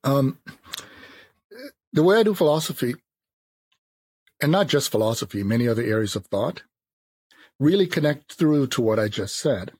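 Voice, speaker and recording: A man in his fifties, from Jamaica, speaking as a philosopher in a thoughtful, measured interview. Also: mid-range voice, animated, a little mellow, husky, no room sound. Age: 50s. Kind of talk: reflective interview talk.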